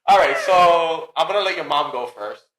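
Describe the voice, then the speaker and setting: A man hosting a family podcast in a playful, teasing way, full of hype-man energy. His voice is fairly high for a man and bright. The room has a roomy echo. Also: lively intonation, moderate pace. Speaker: podcast host and father. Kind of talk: casual family podcast chat.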